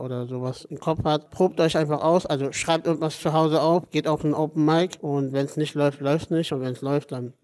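A man's voice: fairly high pitch, a little mellow. A man, a guest comedian, talking casually and a bit shyly in a rambling way. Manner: casual, slightly shy, rambling. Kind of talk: casual chat.

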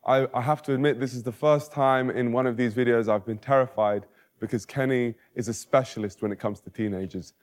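A man's voice: mid-range voice, fairly even intonation, fairly quick. Playful young male YouTube host. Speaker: video host.

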